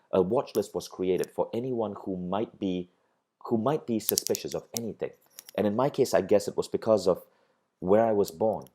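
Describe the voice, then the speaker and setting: Man from Malaysia, middle-aged, course instructor, warm mellow tone, earnest motivational lecture. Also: low voice, a little hiss or hum. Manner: earnest, motivational, repeats words while building a point. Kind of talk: recorded online course lecture.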